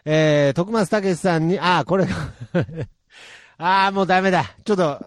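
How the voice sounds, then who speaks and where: A man co-hosting a comedy radio talk show, reading listener mail and laughing often between rough, teasing comebacks. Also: high-pitched, unhurried, no echo, studio quality. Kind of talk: casual comedy radio banter.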